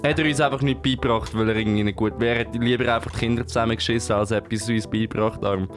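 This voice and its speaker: A young man hosts a relaxed radio chat. He talks in a laid-back, joking way and uses a lot of slang. Faint music plays behind him. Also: mid-range voice, rapid-fire. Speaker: radio show host.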